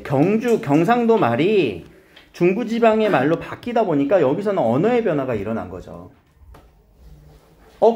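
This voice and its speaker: A man teaches a class in a fairly high voice that swings widely up and down. He keeps firing questions at his students and nudging them toward the answers. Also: darkish tone. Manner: asks students questions and coaxes answers, repeats key terms. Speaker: high school Korean teacher. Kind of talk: classroom grammar lesson.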